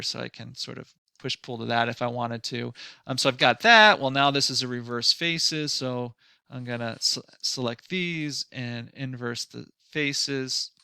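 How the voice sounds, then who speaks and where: Gravelly, bright-voiced man teaching software. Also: medium pitch, no room sound, clean studio sound. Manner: thinks aloud while working, loose and conversational, with frequent fillers and restarts; mildly sarcastic at times. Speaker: design instructor. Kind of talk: screen-recorded software tutorial.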